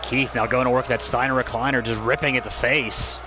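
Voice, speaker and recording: A man's voice: mid-range voice, fairly even intonation, a little fast, heavy background noise. A man working as a wrestling commentator, calling play-by-play in clipped, punchy phrases. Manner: clipped, punchy move-by-move calls.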